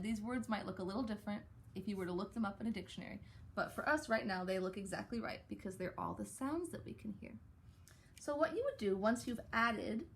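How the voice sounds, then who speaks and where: A woman teacher with a fairly high voice, talking gently to young children during a writing lesson. She coaxes the class along, stretching out sounds slowly so they can follow. Her voice sits a little above the usual pitch for a woman. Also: slight background noise.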